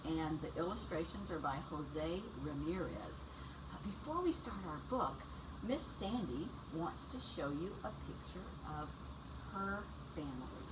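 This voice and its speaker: With a low, expressive voice, a woman in her sixties reads a picture book aloud to young kids, speaking simply and deliberately and putting questions to her audience. The recording uses a distant mic and carries faint background noise.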